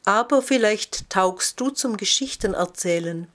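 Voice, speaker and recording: A woman voicing a wise, gentle female snail in a storybook reading, speaking in an encouraging, thoughtful way. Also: medium pitch, expressive, a little slow, lightly acted.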